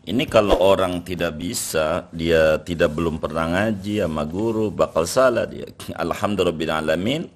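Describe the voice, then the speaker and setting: An older man, an Islamic scholar, explaining at length in a relaxed interview and reciting Arabic text aloud. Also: deep voice, moderate pace, slight background noise.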